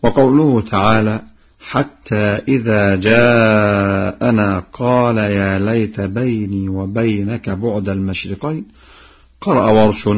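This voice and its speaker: Slow husky man teaching Quran recitation. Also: fairly low pitch, highs cut off. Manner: alternates plain explanation with slow chanted recitation. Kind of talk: explaining and demonstrating Quran recitation readings.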